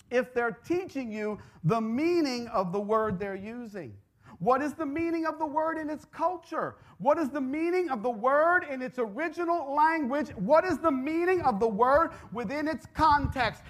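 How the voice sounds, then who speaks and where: A woman preaching a sermon, emphatic and repetitive, calling out to the congregation and stressing her key words. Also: high-pitched. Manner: emphatic, repeats phrases, calls out to the congregation.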